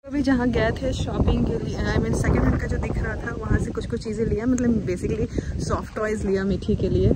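A woman's voice: fairly high pitch, steady tone, brisk. Chatty woman vlogging outdoors. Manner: chatty, explaining plans to the viewer. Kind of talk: casual travel vlog narration. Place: outdoors in a windy town and lakeside. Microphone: phone camera held at arm's length. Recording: outdoor noise behind the voice.

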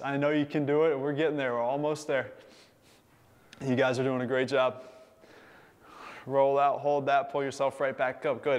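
Upbeat man coaching a workout. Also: a little high. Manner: upbeat, encouraging, counting down time. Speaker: fitness instructor.

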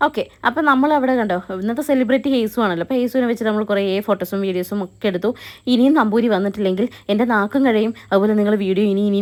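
A young woman, narrating her family vlog as a chatty voice-over and often tagging on a friendly 'you know'. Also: on the high side. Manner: chatty, keeps adding 'you know' tags. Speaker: family vlogger.

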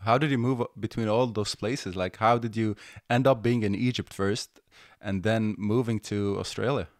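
A man's voice: fairly low pitch, steady tone, normal speed, no room sound. A young adult man hosting a podcast, asking friendly, curious questions from a small home studio. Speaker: podcast host. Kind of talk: casual interview talk. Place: bedroom-style home studio. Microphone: studio mic with headphones.

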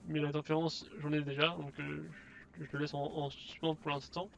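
Un homme qui commente sa partie de jeu vidéo de façon décontractée, en hésitant beaucoup. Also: male voice, a little high, little pitch movement, moderate pace, vocal fry, slight background noise. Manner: hesitant, many fillers and restarts. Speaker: gamer. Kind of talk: casual let's play commentary. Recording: dull lo-fi sound, faint game music.

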